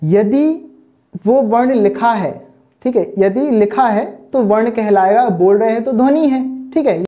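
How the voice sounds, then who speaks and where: A man's voice: very high-pitched, measured pace. A man teaching an online lesson for exam preparation, who keeps asking whether students have understood and calls them children. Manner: keeps checking understanding with "thik hai" and "samajh mein aaya na"; addresses students fondly as children. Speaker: Hindi teacher. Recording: dull, muffled lo-fi recording.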